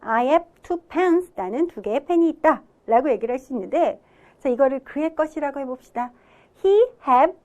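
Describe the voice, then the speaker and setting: A woman's voice: high-pitched, a little mellow, lo-fi sound. A woman teaching an English grammar lesson, explaining step by step and asking questions that she then answers herself. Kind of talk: classroom grammar lecture.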